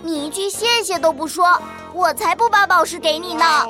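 A woman's voice: very high voice, normal speed. A woman voicing a cheerful, motherly pinyin sound creature in a children's educational cartoon, chanting in a bouncy, sing-song way. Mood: scolding. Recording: children's music behind.

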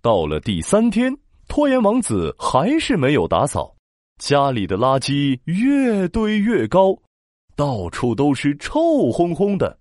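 A man tells a children's story with dramatic emphasis. His voice is fairly high and swings widely in pitch, captured in a very dry recording. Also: measured pace, no echo. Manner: dramatic, expressive, with sound-word emphasis. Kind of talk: animated children's story narration.

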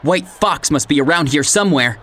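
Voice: medium pitch, expressive, brisk, a bit bright. An actor voicing a confident male dog sheriff who explains and gives orders. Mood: urgent. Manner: commanding, explaining.

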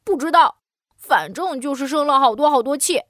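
Storybook piglet boy, sulky and whiny, high and jumpy as a woman puts him on. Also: animated, normal speed, a bit bright, dry recording, clean studio sound. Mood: huffy. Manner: whiny, huffy, pouting. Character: grumpy little boy piglet, sulky and pouting.

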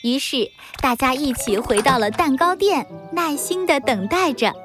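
A woman storyteller narrates for children in a high voice with animated, swooping intonation. Music plays behind her. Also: normal speed.

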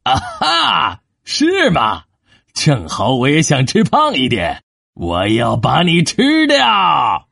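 Woman doing a gravelly greedy bridge troll. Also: huge pitch swings, takes it slowly, a bit bright, dry recording, clean studio sound, exaggerated voice. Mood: gloating. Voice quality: gravelly, husky. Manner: booming, gloating, swooping pitch. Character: menacing hungry bridge troll, male, big. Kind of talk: storybook reading.

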